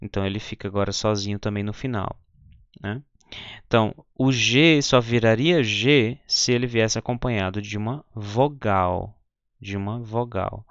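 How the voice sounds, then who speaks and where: A man's voice: on the low side, clear, resonant tone, no room sound, muffled recording. Patient man teaching pronunciation. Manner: patient, repeats example words slowly with frequent "né?" and "ok?". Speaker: German teacher. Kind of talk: explaining pronunciation lesson.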